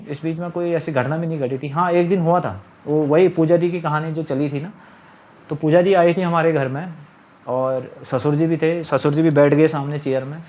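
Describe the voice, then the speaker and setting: A man's voice: a little high, darkish tone. A middle-aged man telling a long personal story in a casual, rambling, aggrieved way, repeating his phrases. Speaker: storyteller recounting his marriage. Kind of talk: casual spoken monologue.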